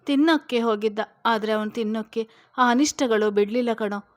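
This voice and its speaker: Woman narrator doing teary motherly aunt, gentle comforting, storybook. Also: on the high side, brisk, close to an everyday voice. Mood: tearful. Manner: tender, comforting speech. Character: tearful older aunt, motherly and soothing.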